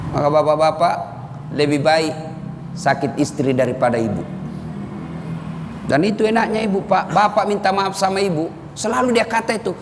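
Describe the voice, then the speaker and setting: A man's voice: high-pitched, fairly bright tone. A man giving a humorous sermon to a live audience, teasing listeners and acting out quoted wives and mothers. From Indonesia. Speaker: preacher. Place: large hall with a live audience. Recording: long hall reverb, faint background noise.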